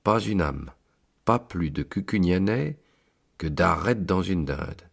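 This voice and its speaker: A man voicing Saint Peter as a kindly old keeper of heaven's book, calm and fatherly. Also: sits low, slow pace, gravelly, slightly rough, full character voice.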